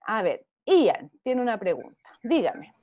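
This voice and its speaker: A woman teacher with a Chilean Spanish accent, leading young children through an online art class over a video call. Her voice sits high and swoops up and down as she encourages them, with a dry, close sound and no room echo. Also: big pitch swings, measured pace, mellow. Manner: encouraging, checks in often with "¿ya?". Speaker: visual arts teacher.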